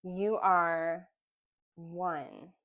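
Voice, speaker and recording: A woman giving a casual intuitive tarot reading, musing aloud with pauses between phrases. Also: fairly low pitch, fairly even intonation, fairly bright tone. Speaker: tarot reader.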